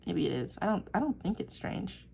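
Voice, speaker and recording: A young woman, an artist vlogger, chats casually while inking a drawing, wandering off on tangents, swearing now and then, and leaning on lots of "like" and "um." Her medium-pitched voice swings widely in pitch, moving at a brisk clip with a creaky yet mellow texture. A faint hiss or hum sits in the background.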